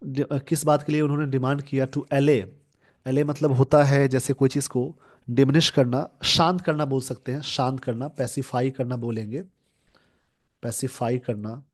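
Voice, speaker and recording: In a level, darkish, mid-range voice, a man explains a newspaper editorial to English exam students. He slowly reads the sentences aloud, then goes word by word, telling viewers what deserves a note and what to remember.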